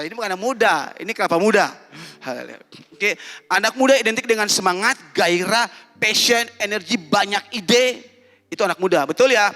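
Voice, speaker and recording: Brief: male pastor, high and bright, animated call-and-response youth sermon, church hall reverb. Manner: animated, teasing, quizzes the congregation.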